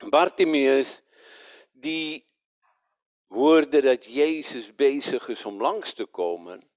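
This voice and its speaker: At a medium pitch and slow pace, with no echo in the audio, a man delivers an animated sermon. He poses rhetorical questions to his listeners and trips over names, self-correcting along the way.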